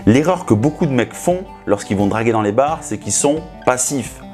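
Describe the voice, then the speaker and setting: A seduction coach hosts a video, addressing the viewer directly in a didactic, instructional talk to camera. His medium-pitched voice has a darkish tone and sounds animated at a normal speed, with soft music in the background.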